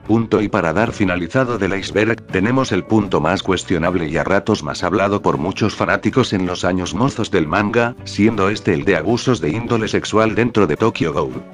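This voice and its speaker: Deep-voiced guy reading his analysis script, formal and steady, quiet music behind. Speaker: video essayist. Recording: soft music underneath.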